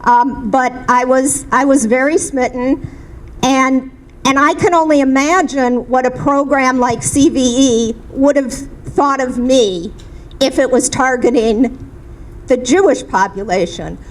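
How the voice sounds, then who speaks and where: Earnest woman, panel speaker, slightly high voice, halting delivery. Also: poor audio. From Minnesota, USA. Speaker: community activist. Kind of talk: panel discussion remarks.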